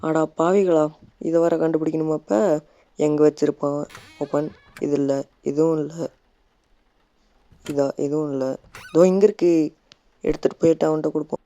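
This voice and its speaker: A man's voice: fairly high pitch, steady tone, normal speed, pauses often, mellow, dull audio. A Tamil-accented man narrating his gameplay in a loose, chatty way. He keeps up a running commentary and playfully scolds the character on screen. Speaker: gaming YouTuber. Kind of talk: casual let's-play commentary.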